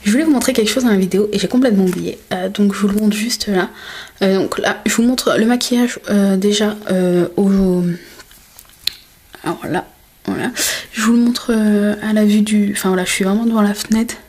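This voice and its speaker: A young woman talks through her makeup haul in a relaxed, chatty way, filling pauses with frequent hesitations. Her voice sits at an ordinary middle pitch, recorded at home by a window. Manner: chatty, many filler hesitations. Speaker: beauty vlogger. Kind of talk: casual makeup haul chat.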